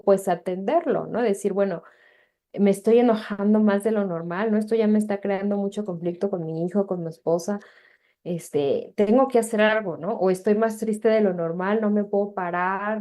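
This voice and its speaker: A woman's voice: mid-range voice, mellow. A woman with a Mexican accent giving an informal webinar lecture to parents, talking conversationally with frequent tag questions and filler words. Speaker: webinar presenter and teacher.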